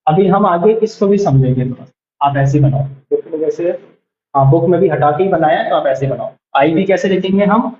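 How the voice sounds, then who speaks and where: A young man teaching a beginners' shorthand class, patiently repeating each word slowly and checking whether anyone has doubts. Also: fairly high pitch, a little mellow, a little hiss or hum. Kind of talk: classroom lesson. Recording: roomy, dull lo-fi sound.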